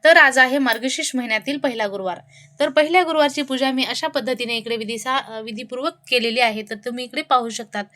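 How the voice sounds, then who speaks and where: Woman storyteller, high voice, devotional tale, measured rhythmic phrasing. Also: pushed and bright. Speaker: devotional storyteller, channel host.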